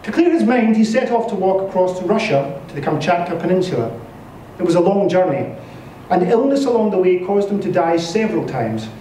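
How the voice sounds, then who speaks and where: At a live reading in a bare indoor space, a man reads literary fiction like a stage storyteller, expressive, dramatic and brisk. His fairly high voice swings lively in pitch with a soft, mellow tone. The scripted narration is captured from a distance in an echoey room with faint noise.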